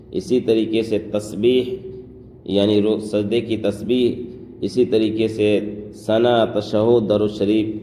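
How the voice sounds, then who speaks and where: A man teaching how to pronounce prayer phrases, explaining quickly and then reciting each phrase slowly and drawn out. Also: lowish voice, mellow. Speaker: religious teacher. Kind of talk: pronunciation lesson on prayer phrases. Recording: echoey room, faint background noise.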